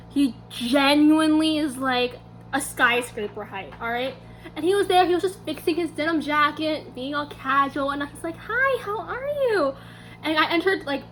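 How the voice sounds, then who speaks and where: A young woman vlogger telling a story to camera in a casual, animated way, acting out her own quotes. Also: high-pitched, slight background noise.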